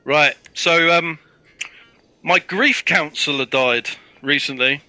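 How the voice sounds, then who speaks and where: A man's voice: on the high side, slow pace, no echo. A British man from London chatting casually over game voice chat and telling cheeky one-liner jokes. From London, England. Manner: cheeky, playful, tells deadpan one-liners. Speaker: online game player.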